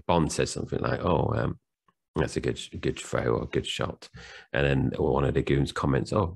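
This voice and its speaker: A man's voice: rumbling low, vocal fry. A man co-hosting a film podcast, chatting casually and retelling scenes with lots of fillers. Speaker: podcast co-host. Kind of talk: casual film review chat.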